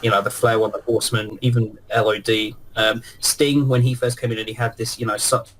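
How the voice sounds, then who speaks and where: A man's voice: on the low side, little pitch movement, fairly quick, fairly bright tone, a little hiss or hum, poor audio. A man co-hosting a casual wrestling podcast over an online call, talking in a conversational, reflective way. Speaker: podcast co-host.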